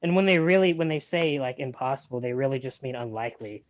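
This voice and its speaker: A man's voice: medium pitch, quick pace, muffled recording. A man in a casual debate chat on a stream, opinionated and exasperated, peppering his sentences with "like". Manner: filler-heavy, repeats "like", exasperated and opinionated.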